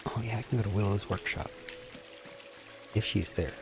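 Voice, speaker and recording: Over music, this man in his forties keeps a steady tone and normal speed in his lowish voice. He's streaming a game and trading crude, casual, mock-serious jokes with the people watching.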